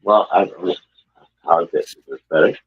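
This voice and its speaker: A man's voice: low-pitched, moderate pace. A man on a casual live stream chat, his voice coming through hollow and distant, as if from inside a well or a tin can. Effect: hollow, distant sound, as if inside a well or tin can. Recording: dull lo-fi line with faint noise.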